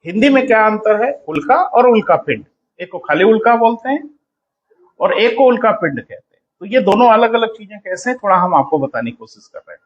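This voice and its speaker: A man's voice: high-pitched, sing-song, brisk, muffled recording. A man teaching in a coaching class, lecturing students sternly and calling them "beta" as he explains.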